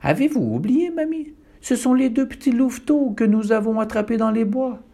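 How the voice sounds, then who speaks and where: A man's voice: very high-pitched, lively intonation, moderate pace, mellow, pitched above the performer's own voice. A man voicing a tactless young woodcutter who blurts things out. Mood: blurting.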